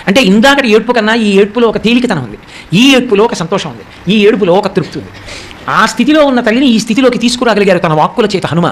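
Guy preaching an epic story, talks really fast, slows right down for the verses, bit of background hum. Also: high voice. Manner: quotes Sanskrit verses slowly, then explains them; acts out the characters' speech in a softer voice. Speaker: religious discourse speaker. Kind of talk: devotional storytelling discourse.

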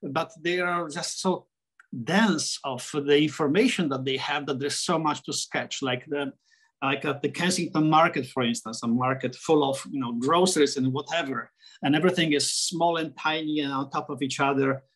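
A middle-aged Polish man, an architect and sketcher, is a guest in a video call interview, speaking with a Polish accent and many restarts and fillers. His voice is on the high side, fairly bright and slightly rough, at a moderate pace. He's in a small room at home with framed pictures on the wall, picked up by a laptop webcam.

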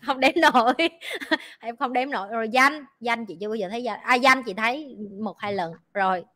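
A woman's voice: a little high, bright, forceful tone. A woman hosting a livestream, chatting bluntly and teasingly with her team. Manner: blunt, teasing, talks fast in bursts. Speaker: livestream host. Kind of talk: casual livestream chat with team.

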